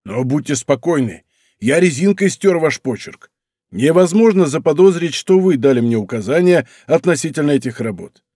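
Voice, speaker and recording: A man voicing a big, clumsy, good-natured giant who talks loud, slow and bewildered. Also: on the high side, lively intonation, breathy edge, no echo, studio quality. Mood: bumbling loud.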